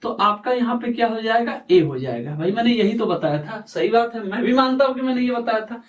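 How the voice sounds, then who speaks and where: A man teaching a lesson, speaking slowly and repeating himself, often asking questions and answering them himself. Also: very high voice, animated, dull audio. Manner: slow, repetitive, quizzing himself aloud. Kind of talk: explaining a lesson at a board. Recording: echoey room, voice far from mic.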